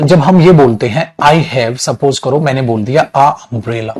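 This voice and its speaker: Man, English teacher, online lesson, slightly high voice, stretches sounds to show them. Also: warm tone, low-quality recording. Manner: addresses students as beta, drawn-out demonstration of sounds.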